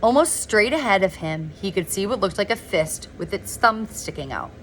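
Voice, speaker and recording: A woman reading a novel aloud in a relaxed, informal way, now and then stumbling over words and correcting herself. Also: mid-range voice, normal speed, slight background noise. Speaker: reader of a novel. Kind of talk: informal read-aloud narration.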